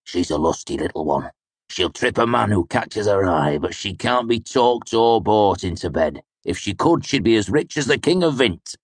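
A big, drunken mercenary bellows and jeers in a rough, bawdy way, his voice pushed well above the reader's own, as a male narrator puts him on. His pitch swings widely from line to line. The read is dry and close, with no room sound. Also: expressive, normal speed, no echo. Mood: bawdy jeering. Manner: loud, bawdy, guffawing.

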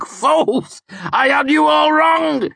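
A man's voice: extremely high pitch, lively intonation, extremely slow, gravelly, no echo, pitched above the performer's own voice, exaggerated voice. A man reading an audiobook, voicing a big, drunk, boisterous male mercenary who guffaws and talks bawdily. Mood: roaring laughter. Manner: loud, bawdy, guffawing.

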